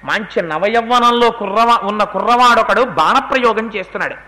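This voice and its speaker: This high-sitting male voice moves at a brisk clip as he delivers a religious talk. He brings an epic tale to life with energy, performing the characters' lines himself.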